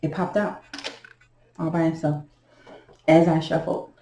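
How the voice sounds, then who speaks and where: A woman doing a casual tarot reading vlog, talking slowly and haltingly as she thinks aloud. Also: low-pitched, level tone, mellow, roomy sound, rough recording. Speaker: tarot reader.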